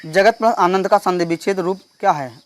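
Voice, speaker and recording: A male teacher solving an exam paper step by step. He reads each question slowly and keeps checking in with the class. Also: sits high. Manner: explains step by step, reads questions slowly, repeats "theek hai". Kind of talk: exam paper walkthrough lesson.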